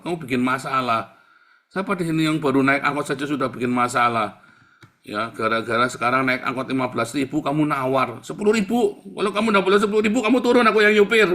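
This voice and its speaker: A middle-aged man preaching a sermon, lively, full of jokes and rhetorical questions. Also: mid-range voice. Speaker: pastor.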